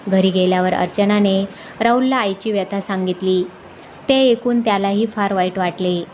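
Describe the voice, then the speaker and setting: A woman reading a scripted moral story aloud in an even, measured narrating voice. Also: medium pitch, a little hiss or hum.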